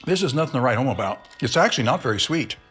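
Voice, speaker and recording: A middle-aged man hosts a relaxed candy review on his own, wandering off topic and stopping to correct himself. His voice is husky and a little breathy, and it sits at an ordinary pitch for a man. He chews and talks at the same time. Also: racing, soft background music. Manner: rambling, self-correcting, talks while chewing. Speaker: candy reviewer, show host. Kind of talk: casual solo review.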